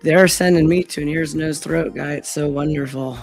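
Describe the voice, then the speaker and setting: A woman with a hoarse, gravelly voice, losing it to laryngitis, hosting a casual live stream in a blunt, sweary manner. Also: low-pitched, fairly even intonation, normal speed, darkish tone, soft background music.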